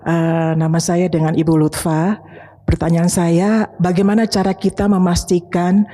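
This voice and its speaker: A woman's voice: on the low side, little pitch movement, measured pace, warm tone, long reverb tail. A woman from the audience asking the preacher a question politely and formally.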